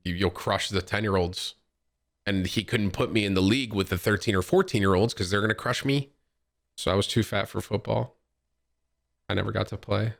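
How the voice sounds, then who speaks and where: A young man from Syracuse, New York, hosting a stream in casual, animated chat: he reacts to clips and reads donations, says bro and man a lot, and swears. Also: lowish voice, fairly quick, gravelly. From Syracuse, New York, USA. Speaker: streamer and host.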